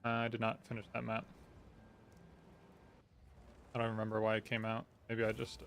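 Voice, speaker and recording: A man's voice: lowish voice, monotone, quick pace, fairly bright tone, faint music behind. A man giving casual, off-the-cuff livestream commentary while playing a video game. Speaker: game streamer. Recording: clearly noisy game ambience behind.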